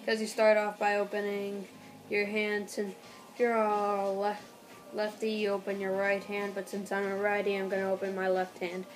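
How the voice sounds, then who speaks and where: A young woman giving a casual home tutorial in a halting, rambling way, as an amateur host. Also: mid-range voice, completely flat delivery, soft background music, low-quality recording. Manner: halting, rambling delivery with throat clearing. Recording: noticeable background noise, amateur home recording.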